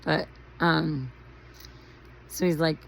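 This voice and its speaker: A woman with a hoarse, raspy voice from shouting, telling rambling stories in a chatty, casual vlog. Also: deep voice, steady tone, drawn-out words, slight background noise, poor audio. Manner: rambling, chatty, lots of fillers and tangents. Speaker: vlogger. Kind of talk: casual storytelling monologue.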